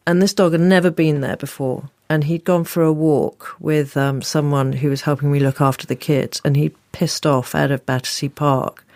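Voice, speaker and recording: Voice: mid-range voice, fairly even intonation, normal speed, few pauses, a little mellow, no echo. A podcast host, talking in a chatty, emotional way and restarting phrases. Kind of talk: chatty interview.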